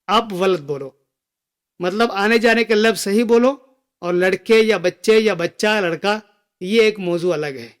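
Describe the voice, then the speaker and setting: A man teaching a spoken language lesson, slowly repeating each phrase for learners. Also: high voice. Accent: Gulf Arabic phrases within Hindi speech. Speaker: Arabic teacher.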